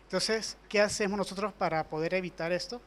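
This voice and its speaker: Venezuelan man in the audience; high voice, urgent, long-winded question. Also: a little fast, a bit bright, a little hiss or hum. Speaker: audience member asking a question. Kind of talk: question from the floor.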